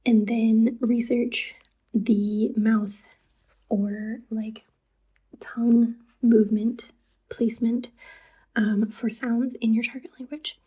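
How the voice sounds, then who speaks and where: A woman talking casually to camera about her own language learning, soft-spoken and drifting into a breathy near-whisper, with chatty asides. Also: a little high, level tone, slow pace, rough recording.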